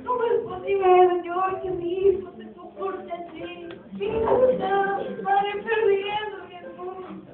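A woman's voice: extremely high pitch, little pitch movement, measured pace, hardly any pauses, music in the background. A young woman in an amateur church play, acting a worried widowed mother who pleads tearfully with her son. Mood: pleading. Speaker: church youth actor. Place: church hall. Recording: distant, echoey, tinny.

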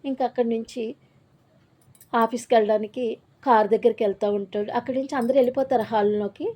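A woman's voice: medium pitch, warm tone. A woman casually retelling a TV serial episode, quoting the characters' lines in her own plain voice, with frequent fillers and self-corrections. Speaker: TV serial recap narrator. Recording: slightly dull lo-fi audio.

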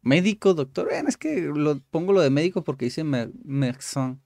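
A man's voice: fairly high pitch, animated, normal speed, vocal fry, a little mellow, no echo, studio quality. A young man hosting his channel, casually commenting and translating language-app stories aloud, thinking aloud with lots of fillers.

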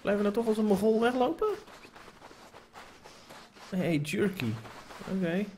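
This streamer has a high, darkish voice and sounds animated while keeping a measured pace. Playing a survival game, he swears, chats casually, and sing-songs playfully to lure a pig in the game. Background noise from his home setup comes through in this let's-play commentary.

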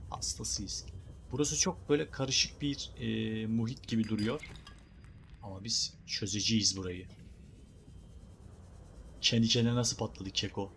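In a lowish, slightly bright voice, a young man jokes his way through a let's play, using slang and addressing his viewers and the on-screen creatures alike. He's a gaming YouTuber, and a bit of hiss or hum sits under the recording.

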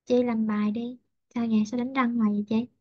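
A woman teaches a class online, patiently repeating example sentences at a slow, careful pace. Her voice sits a little high. The video call audio is muffled and dry. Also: little pitch movement, no echo. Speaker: English teacher.

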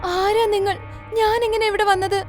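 A frightened young village girl in a cartoon storybook, her voice high and pleading, turning shrill when scared, as a woman puts her on. Soft music runs underneath. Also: little pitch movement, normal speed.

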